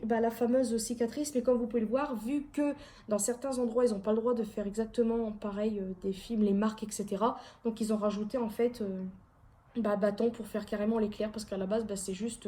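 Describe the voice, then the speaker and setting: Young woman rambling about her haul at home, higher-pitched, soft mellow tone. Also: fairly even intonation, fairly quick. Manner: chatty, rambling, self-deprecating. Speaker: vlogger. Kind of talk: casual haul video.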